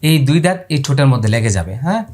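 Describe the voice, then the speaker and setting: A man's voice: mid-range voice, very animated, fast talker, a little mellow. A man teaching Quran pronunciation, repeating letter sounds aloud and asking viewers to watch his mouth. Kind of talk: spoken lesson on letter pronunciation.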